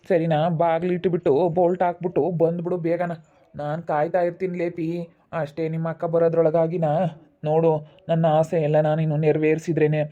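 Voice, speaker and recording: A man's voice: on the high side, close to an everyday voice. A man playing a pushy, lecherous brother-in-law who coaxes and threatens in an amateur village drama. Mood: coaxing. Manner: pressing, coaxing and threatening. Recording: tinny phone-like audio.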